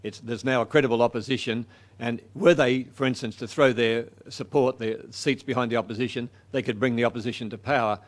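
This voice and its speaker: A man's voice: medium pitch, fairly even intonation, fairly quick. Hesitant man answering questions. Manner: hesitant, many fillers and restarts. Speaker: guest speaker answering audience questions. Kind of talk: public talk Q&A.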